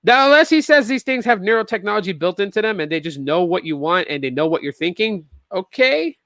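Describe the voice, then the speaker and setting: Male tech podcast host in his 30s, bright, slightly high voice, dry close sound, rambling and sarcastic. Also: brisk, dry recording. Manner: rambling, animated, sarcastic asides with many restarts. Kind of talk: casual solo tech chat.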